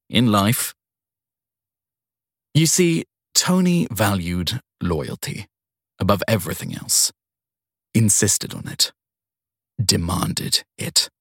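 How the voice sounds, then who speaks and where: In a dry recording with no surrounding room sound, a man narrates first-person crime fiction in a low but slightly bright voice. He uses measured phrasing, dramatic pauses, and widely moving intonation.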